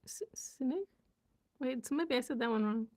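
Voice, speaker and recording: A woman's voice: a little high, fast talker, darkish tone. A young woman chatting casually on a live stream, giggling and sounding out words as she learns them. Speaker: vlogger and language learner.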